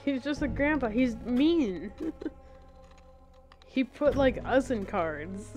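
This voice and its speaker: Woman streamer, casual gameplay chat, slow and lively, self-talk and laughs, game music underneath. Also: fairly high pitch. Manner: thinks aloud, laughs often, talks to herself.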